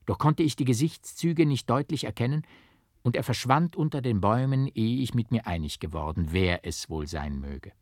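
A man narrating a literary novel in a measured, dramatic storytelling manner. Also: lowish voice, a little mellow, no room sound, studio quality. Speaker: audiobook narrator.

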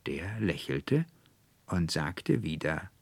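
A man narrating a classic literary story in a measured, even reading style. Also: sits low, creaky, husky, dry recording. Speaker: audiobook narrator.

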